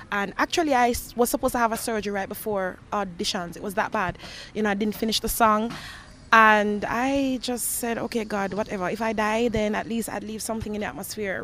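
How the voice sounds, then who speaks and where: A young woman, a gospel singer with a Jamaican accent, answers interview questions earnestly and reflectively, sharing her personal testimony. Her voice is mid-range with a fairly bright tone, recorded in a noisy place with ambient sound.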